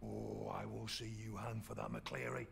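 An actor playing a kindly, devout middle-aged oil rig cook in a video game, jovial and gently chiding. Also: male voice, lowish voice, flat delivery, normal speed, vocal fry, slight background noise.

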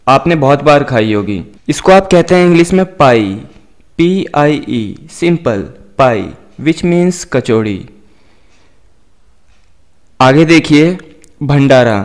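A man teaching English words in a video lecture, spelling each one letter by letter and repeating it slowly. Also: fairly high pitch, darkish tone.

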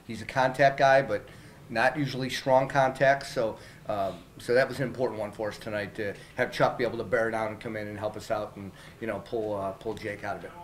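A middle-aged man talks through a post-game press interview, loose and candid, with plenty of fillers and false starts. His voice sits at an ordinary middle pitch. Reporters' handheld mics are close to him in a small room with a faint hum underneath. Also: rough recording. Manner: candid, conversational, many fillers and restarts. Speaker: baseball team manager. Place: small press room in front of a logo backdrop. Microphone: several handheld reporter mics held up close.

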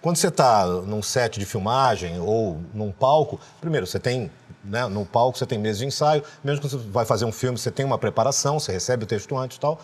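A middle-aged man with a Brazilian accent, a voice actor explaining his craft in a relaxed, expressive interview. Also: medium pitch, a little fast. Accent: Brazilian Portuguese. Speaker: guest, voice actor. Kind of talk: casual interview chat.

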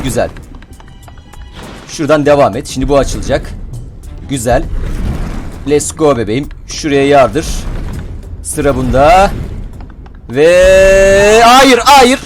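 A young man giving casual gameplay commentary as a channel host, excitable, swearing and shouting when frustrated. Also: on the high side.

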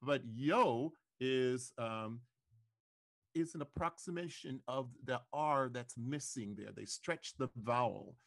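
Man, music professor, lecturing, measured and thoughtful, mid-pitched voice. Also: vocal fry, fairly bright tone. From American South. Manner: measured, thoughtful, demonstrates pronunciations and sings examples. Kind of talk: recorded lecture.

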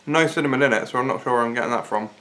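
A man's voice: medium pitch, very fast, background noise. A British man in his thirties giving a casual, informal food review to camera, thinking aloud in a living room. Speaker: food reviewer, video host. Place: small living room, sofa, indoors.

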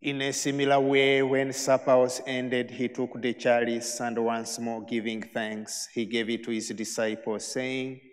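A priest intones the prayers of the Mass in a very slow, measured voice, every phrase drawn out with solemn care. His voice hangs in a long cathedral echo, and his pitch sits at an ordinary middle level for a man. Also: completely flat delivery. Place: large church. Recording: long church reverb.

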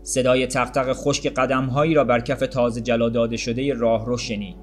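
A man narrating a short story for an audiobook in a calm, measured, literary way. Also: medium pitch, faint music behind. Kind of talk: storybook reading.

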